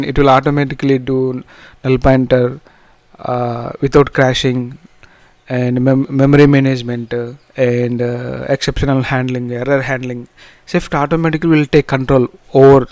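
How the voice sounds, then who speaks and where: Male tutorial instructor, Telugu accent, halting informal explanations, mid-pitched voice, dry recording. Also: no room sound. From south India. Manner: halting, repetitive phrasing with broken restarts. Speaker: programming instructor.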